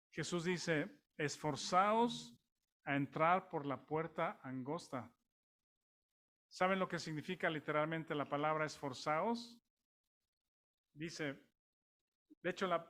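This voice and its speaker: A man's voice: a little high, a bit bright. Mexican man preaching in a conversational way. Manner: conversational, with many restarts and rhetorical questions to the congregation. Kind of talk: sermon.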